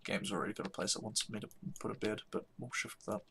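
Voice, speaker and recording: A man's voice: fairly low pitch, flat delivery, fast talker, fairly bright tone, slight background noise. A tired man talking casually through a strategy game he is playing, thinking aloud and yawning now and then. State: sleepy, yawning. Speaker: let's play host. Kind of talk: casual gameplay commentary.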